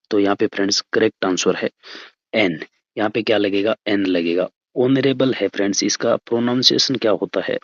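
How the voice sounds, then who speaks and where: A man's voice: lowish voice, fairly bright tone, no room sound, highs cut off. A man teaching an exam-prep English lesson, who asks questions and answers them himself. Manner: calls listeners "friends", asks and answers his own questions.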